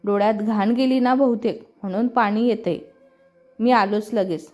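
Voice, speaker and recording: Woman reading as a gentle teasing elder brother. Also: medium pitch, normal speed, close to an everyday voice. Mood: tender. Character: young man, protective teasing elder brother. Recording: slightly muffled with soft music.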